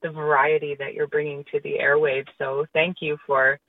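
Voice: medium pitch, little pitch movement, moderate pace, no room sound. A middle-aged musician chatting casually as a guest in a radio interview. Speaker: musician guest in a band duo. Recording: distant phone-like radio call.

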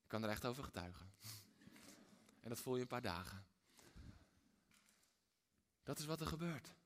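A man preaching a sermon in a dramatic way, swinging between hushed and loud, with repeated rhetorical phrases. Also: medium pitch, expressive, normal speed, slight background noise. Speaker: pastor.

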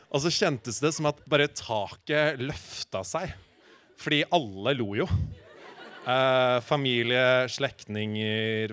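A man telling a humorous personal anecdote in a halting, animated way, full of filler sounds and acted-out quotes. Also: mid-range voice. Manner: acts out quoted lines in shifting voices.

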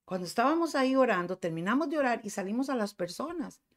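Mujer costarricense predicando con fervor. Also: female voice, on the high side, sing-song, quick pace. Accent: Costa Rican Spanish. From Costa Rica. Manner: fervent, preaching to the congregation. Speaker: pastor. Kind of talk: sermon.

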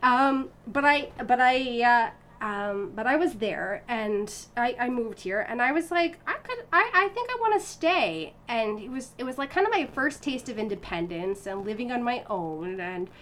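A US violinist in her thirties, appearing as an interview guest, tells her story casually at normal speed. Her voice is on the high side, and she's lively, laughing frequently amid many fillers and restarts.

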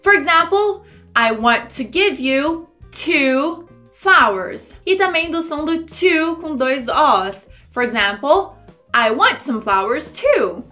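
A high-pitched woman teaches English in a video lesson, taking her time and carefully sounding out each word. Her delivery is lively and demonstrative. Faint music plays underneath. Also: slow pace.

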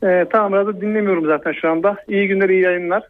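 A man's voice: sits high, steady tone, rapid-fire, no room sound. A man in his thirties calling in to a radio show over a landline phone, asking a question with many hesitant fillers. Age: 30s. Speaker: caller. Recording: tinny phone line.

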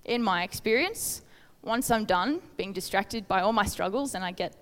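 A woman's voice: mid-range voice, normal speed, fairly bright tone, big-room sound. A woman giving an informal, conversational sermon, earnest and questioning toward her listeners. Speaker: preacher. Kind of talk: informal sermon with Bible reading.

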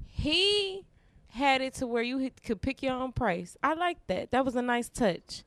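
A woman co-hosting a casual podcast chat, slangy and animated, acting out quotes with big jumps in her voice. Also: high-pitched, unhurried, no room sound, studio quality. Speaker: podcast co-host.

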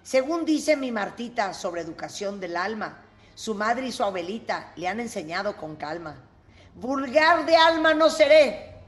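A woman hosting a radio show, reading humorous verse and bantering briskly with her co-host. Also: medium pitch. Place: radio studio.

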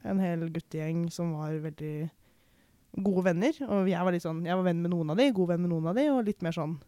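A young woman from Norway giving a candid, reflective personal account in conversation, pausing and restarting often. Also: on the low side, warm tone, dry recording, studio quality. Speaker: podcast guest.

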